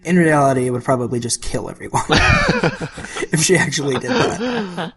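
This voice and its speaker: A woman's voice: sits low, big pitch swings, normal speed. A woman hosting a podcast, chatting playfully and teasing her co-hosts. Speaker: podcast host. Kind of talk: casual chat.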